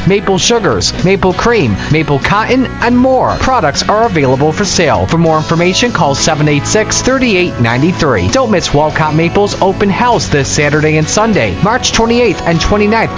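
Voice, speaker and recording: Higher-voiced, lively American male announcer. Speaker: advertisement announcer. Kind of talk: scripted local event announcement. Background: music bed.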